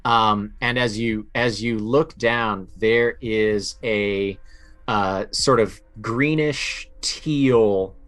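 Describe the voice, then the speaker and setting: A man running a tabletop game as game master, describing scenes in a halting way full of ums and restarts. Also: fairly low pitch, fairly bright tone.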